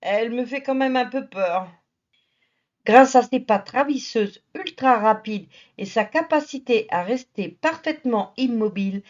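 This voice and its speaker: The audio is dull, but the woman's fairly high voice comes through as she narrates a nature documentary. Her storytelling is familiar and teasing, sprinkled with playful asides to viewers.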